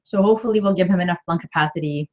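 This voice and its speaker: A woman's voice: fairly low pitch, racing. A woman co-hosting a casual live stream, chatty and playful. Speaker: co-host. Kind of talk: casual chat. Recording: dull lo-fi livestream audio.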